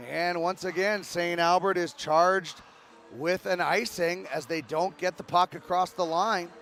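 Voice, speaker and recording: High-voiced male hockey play-by-play caller. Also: fairly bright tone. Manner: brisk, rising with the action, occasional fillers. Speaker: play-by-play commentator. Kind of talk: live hockey play-by-play commentary.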